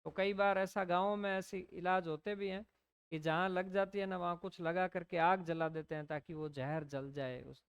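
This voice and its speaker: A woman with an Indian English accent teaching a poem in class. She reads each verse line slowly and then explains it. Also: lowish voice, flat delivery, clean tone, highs cut off. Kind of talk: classroom poetry lesson.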